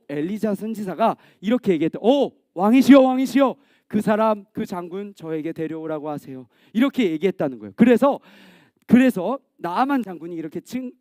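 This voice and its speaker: A man giving an animated children's sermon, telling a story and asking the kids questions. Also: high voice, no echo, studio quality. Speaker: children's ministry preacher.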